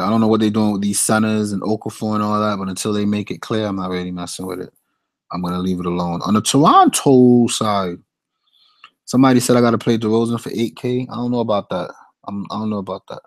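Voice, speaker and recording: Chatty low-voiced man thinking aloud. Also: darkish tone, dry recording. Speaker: daily fantasy sports analyst. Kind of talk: casual player breakdown.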